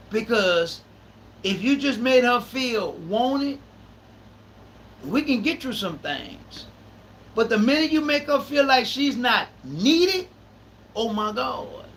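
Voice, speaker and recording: A man in his thirties hosts a live podcast in loose, conversational talk. His voice sits unusually high and bright, and he drives points home by repeating phrases. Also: rough recording. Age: 30s. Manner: emphatic, repeats phrases for stress. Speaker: podcast host.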